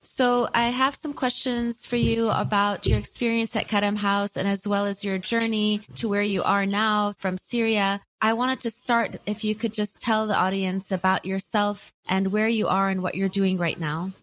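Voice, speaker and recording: A woman's voice: mid-range voice, steady tone, normal speed, few pauses, a bit bright, no room sound. A woman hosting a podcast, talking in an earnest, encouraging interview manner. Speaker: podcast host. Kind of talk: warm interview conversation.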